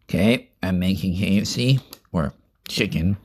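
A man's voice: low-pitched, unhurried, darkish tone, husky. A young man rambling casually through a food review vlog, chatting and eating as he talks. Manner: rambling, chatty, eats while talking. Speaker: vlogger.

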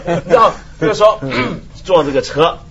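Expressive mid-pitched man from Hong Kong. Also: a little hiss or hum. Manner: expressive storyteller, acts out quotes. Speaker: talk show guest. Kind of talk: casual chat. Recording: slightly muffled broadcast audio.

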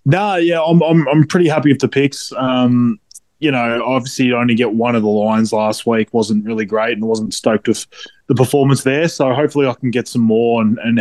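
A man's voice: mid-range voice, a little mellow, no room sound. An Australian man giving casual sports analysis as a regular podcast expert. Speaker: regular fantasy football expert.

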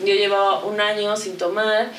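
A woman's voice: mid-range voice, level tone, normal speed, distant mic, slight background noise. Candid Mexican woman, echoey off-mic sound. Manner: candid, slangy storytelling with frequent swearing. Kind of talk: casual conversation. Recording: echoey room, voice a bit off-mic.

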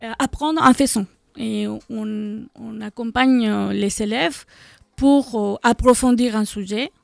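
A middle-aged woman from Mexico, an association co-founder, is interviewed live in a radio studio. Speaking slowly in a Mexican Spanish accent, her fairly high, creaky voice is hesitant and full of fillers, recorded with no room sound.

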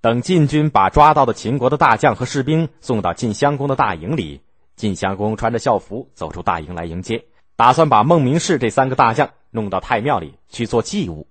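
A man telling a history story in a lively, expressive way, acting out the scenes. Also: mid-range voice, brisk, no room sound.

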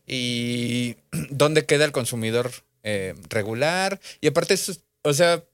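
A man's voice: mid-range voice, slow pace, smooth, no room sound. A man riffs casually on a podcast, recommending things with jokes and slang. His voice sits close and dry, with no room sound around it. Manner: joking, relaxed recommendations with slangy asides. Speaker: podcast co-host.

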